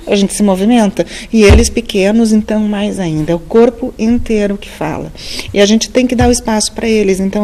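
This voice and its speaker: Calm Brazilian woman explaining as an expert. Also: medium pitch. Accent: Brazilian Portuguese. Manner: calm, didactic, measured with fillers. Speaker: speech therapist guest. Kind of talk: explanatory interview answers.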